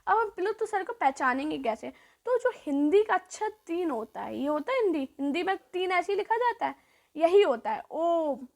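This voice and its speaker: A woman teacher giving a grammar lesson who asks questions and answers them herself, repeats each point and draws out the sounds slowly. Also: extremely high pitch, sing-song, creaky, darkish tone.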